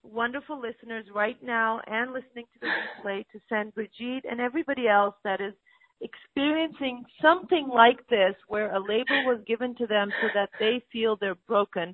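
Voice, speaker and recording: A woman's voice: a little high, normal speed, dry recording. A woman hosting a spiritual call-in show, speaking affectionately to callers and calling them honey and sweetheart. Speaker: host taking callers. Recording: tinny phone-like line.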